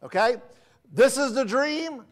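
A male pastor, preaching in a casual, folksy storytelling way and slowing down to read scripture aloud. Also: very high voice, expressive. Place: church sanctuary.

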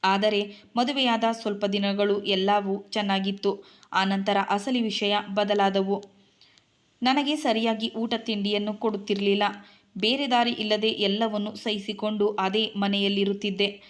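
A woman's voice: medium pitch, fairly even intonation, measured pace, natural voice. A woman reading as a grieving young widow. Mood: lamenting. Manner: plaintive, lamenting.

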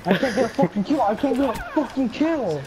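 A man's voice: very high voice, lively intonation, a little fast, noisy background. A man playing a shooter game with a friend, frustrated and swearing often. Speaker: gamer. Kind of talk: casual game chat.

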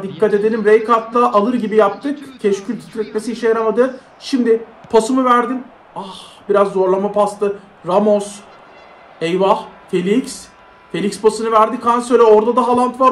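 Young male gamer, very high voice, excitable play-by-play, echoey room. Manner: excitable, shouts at big plays, chats to viewers. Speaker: mobile football gamer. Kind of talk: live gameplay commentary.

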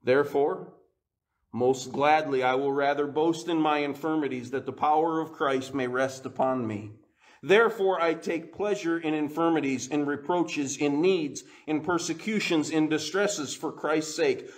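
A male pastor preaching a sermon, who laughs often and moves from quiet, low stretches up to rising, emphatic climaxes. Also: measured pace.

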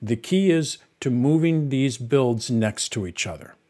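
Unhurried and animated, a middle-aged man in the mid vocal range leads a software tutorial. He takes each step plainly and patiently as he demonstrates on screen.

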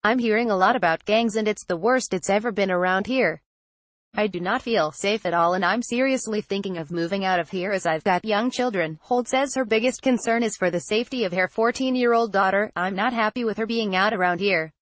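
A woman reading a news article aloud as scripted narration, in an even, flat delivery. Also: mid-range voice, brisk, no echo. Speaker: news reader.

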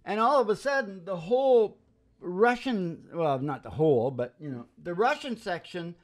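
An older man, a musician and radio show host, jokes casually between songs and spins rambling, jokey stories on his music show. His voice is high-pitched and animated at normal speed, picked up by a close stand microphone in a small wood-panelled room with acoustic guitar in the background.

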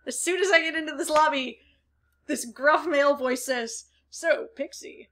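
A woman with a high, light voice chats casually as a podcast co-host. She rambles through a story, often laughing and restarting her sentences. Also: normal speed, a bit bright. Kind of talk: casual chat.

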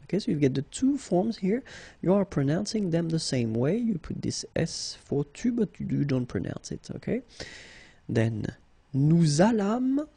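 A man's voice: a little high, big pitch swings, moderate pace, creaky, mellow, husky, no echo. A man with a French accent teaching a language lesson, patiently drilling each verb form aloud. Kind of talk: slow, repetitive language lesson.

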